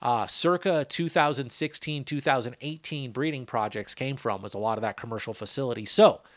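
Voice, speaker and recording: A man's voice: mid-range voice, brisk, dry recording, studio quality. A middle-aged man hosting a podcast in a casual, rambling chat, full of loose asides and jokes. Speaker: podcast host, cannabis grower.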